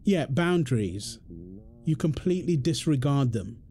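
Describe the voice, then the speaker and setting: A British man with a medium-pitched, expressive, dark-toned voice plays an exasperated, defensive husband and father in a dramatic one-sided argument roleplay. He quarrels indignantly, insistent and repetitive but unhurried, sounding argumentative. Slight background noise is present.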